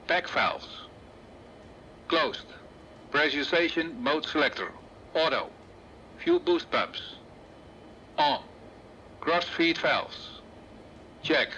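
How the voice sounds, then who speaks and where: A man's voice: on the high side, sing-song, takes it slowly, pauses often, pushed and bright, heavily acted. A man playing an airline crew member in a flight simulator, reading out pilot checklist callouts. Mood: procedural. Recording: muffled cockpit audio with faint noise.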